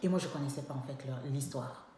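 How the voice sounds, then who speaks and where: A young woman tells a personal story in an animated, emphatic way, acting out what people said. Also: very deep voice, fast talker. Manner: animated, emphatic, acts out dialogue. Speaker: vlogger telling a personal story. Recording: very echoey room with faint background noise.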